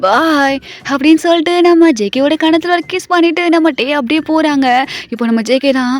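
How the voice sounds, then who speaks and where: A woman's voice: sits high, fast. A woman casually narrating a story, chatting to her listeners and mixing in English words. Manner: chatty, addresses listeners directly.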